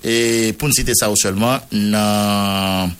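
A man's voice: fairly low pitch, fairly even intonation, takes it slowly, fairly bright tone, a little hiss or hum. Radio journalist, man, Haitian accent, reads court documents and names, French with Creole mixed in. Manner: mixes Creole into French, reads long name lists. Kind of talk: news commentary, reading a court order.

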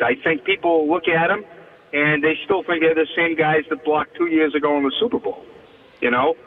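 A man calling in as a team reporter guest on a sports show, giving rambling, hedging answers. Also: fairly high pitch. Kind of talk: phone-in sports interview. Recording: tinny phone line.

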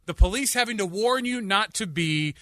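Male radio co-host, bright and lively, rambling jokey banter, dry studio sound. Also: high voice, moderate pace, no echo. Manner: joking, rambling, restarts often.

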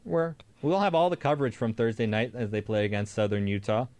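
A man's voice: mid-range voice, brisk, a little mellow. A man with an American accent hosting a casual sports talk show. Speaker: sports podcast host.

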